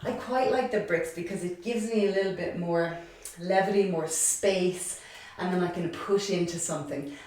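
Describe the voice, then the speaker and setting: A woman's voice: lowish voice, a little mellow, far from the mic. Echoey, breathless woman yoga teacher. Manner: chatty, encouraging, self-deprecating, counts reps aloud. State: out of breath while exercising. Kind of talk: guided yoga class instruction. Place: yoga studio.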